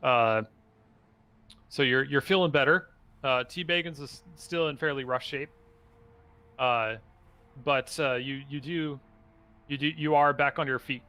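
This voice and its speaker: A man's voice: mid-range voice, fairly even intonation, a little slow, long pauses, bright, forceful tone, clear, resonant tone. A man narrating a tabletop game as dungeon master, stumbling through restarts and fillers.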